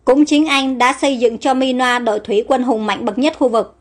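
A woman's voice: high voice, fairly even intonation, brisk, faint music behind. A woman reading a startled, principled young queen. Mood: reasoning. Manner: startled and firm.

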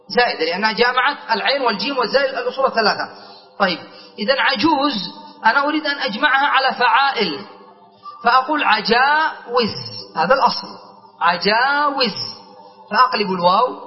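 A man's voice: extremely high pitch, echoey room, long reverb tail, lo-fi sound. A man teaching a grammar lesson, with of a dialect, who explains step by step, draws out example words and often checks that his listeners follow. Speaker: sheikh teaching Arabic grammar. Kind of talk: classroom lesson.

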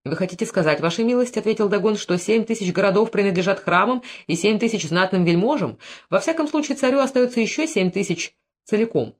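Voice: mid-range voice, animated, quick pace, voice pushed up, natural voice. A reader doing a sneering, haughty usurer. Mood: scornful. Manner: mocking, haughty. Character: sneering male usurer, scornful and touchy. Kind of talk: audiobook character reading.

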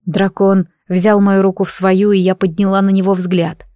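A woman's voice: medium pitch, little pitch movement, moderate pace, mellow, clean tone, dry recording. Brief: female audiobook narrator, first person, intimate and emotional, dry studio sound.

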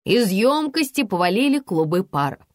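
A woman narrating a first-person novel as an audiobook in a brisk, expressive way. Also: mid-range voice, no echo, clean studio sound.

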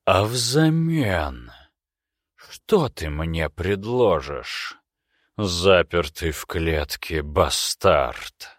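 A sly, imperious demon who drawls every word slowly, purring and silky, as a male narrator puts him on. The voice sits very low, but it rises and falls in long, lively swoops. It sounds close and dry. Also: dry recording, heavily acted. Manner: slow, drawn-out, sly purring delivery.

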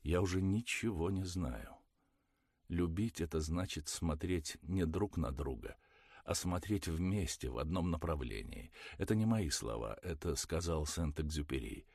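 A man reading the part of a weary young woman who is tired of quarrelling, speaking in a quiet, pleading and plaintive way. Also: sits low, animated, unhurried, breathy edge, dry recording, studio quality, full character voice. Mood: resigned.

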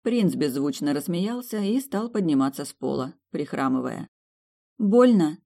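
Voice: mid-range voice, expressive, normal speed, vocal fry, a little mellow. An audiobook narrator reading a romantic fantasy in first person, telling the story expressively.

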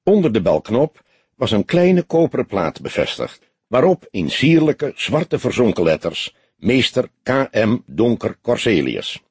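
A man narrating a detective audiobook in measured, lively scripted narration. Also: mid-range voice, slightly rough, dry recording.

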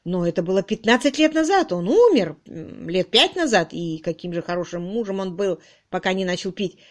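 A woman voicing a loud, bossy middle-aged charwoman in an audiobook, brusque and exclaiming. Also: mid-range voice, lively intonation, normal speed, lightly acted. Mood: blunt. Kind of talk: audiobook reading.

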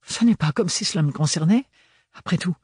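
A man voicing an exasperated young woman in an audiobook, sharp and indignant. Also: high voice, normal speed, slightly rough, dry recording, clean studio sound, voice pushed up.

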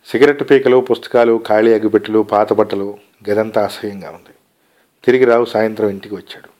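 A man narrating a short story aloud in a calm, measured storytelling manner. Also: on the low side. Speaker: story reader.

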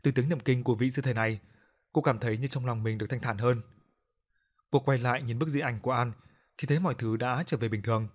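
A man narrating a horror audiobook in a steady, even reading. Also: mid-range voice, fast.

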